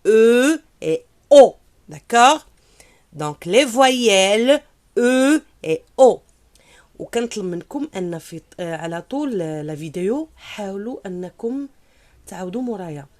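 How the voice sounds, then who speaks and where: A woman with a Moroccan accent teaching French pronunciation in a video lesson, drilling each sound slowly and asking viewers to repeat after her. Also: medium pitch, lively intonation, a little mellow. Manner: slow, deliberate, drills words and has viewers repeat; switches between French and Moroccan Arabic to explain.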